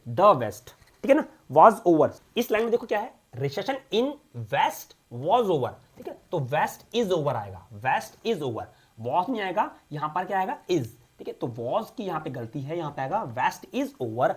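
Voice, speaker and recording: A woman teaching an English grammar lesson, reading sentences slowly and then explaining them briskly with repeated checks. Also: fairly low pitch, very animated, husky.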